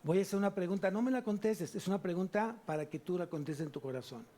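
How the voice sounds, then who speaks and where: A man preaching a sermon in church, animated, asking the congregation rhetorical questions and answering them himself. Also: high-pitched, fast. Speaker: pastor.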